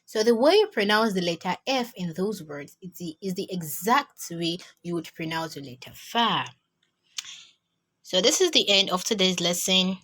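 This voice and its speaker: Female recitation teacher, lowish and bright-toned, very slow and patient, demonstrates sounds by repeating them. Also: expressive. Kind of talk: online pronunciation lesson.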